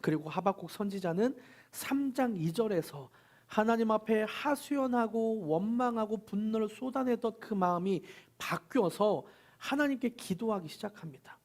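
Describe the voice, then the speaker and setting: A man's voice: high-pitched, moderate pace. A man preaching a Sunday sermon as pastor. He leads the congregation in reading scripture together and speaks the prophet's complaints in the first person.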